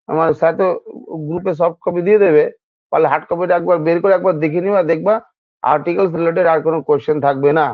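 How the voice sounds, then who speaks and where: High-voiced male teacher, tinny audio. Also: no echo. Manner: repeats points and asks the class questions; addresses students informally. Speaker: English teacher. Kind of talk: exam-prep grammar lesson.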